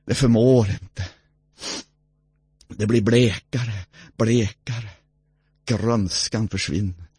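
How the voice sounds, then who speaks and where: A man preaching a sermon, swinging between soft, low passages and loud, ringing exclamations. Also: slightly rough, no echo, clean studio sound.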